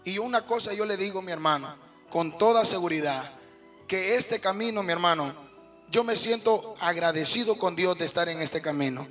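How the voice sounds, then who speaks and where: Folksy Mexican preacher with a bright voice. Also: male voice, sits high, moderate pace, soft background music. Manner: folksy, conversational, keeps addressing listeners as brother. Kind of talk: sermon.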